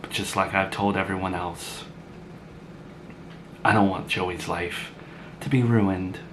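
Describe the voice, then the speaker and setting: A man's voice: low-pitched, fairly even intonation, slow pace, noisy background. A man voicing a blunt, sarcastic grown woman who had a child young, in an amateur drama. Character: blunt sarcastic mother, grown woman, once a teen mom.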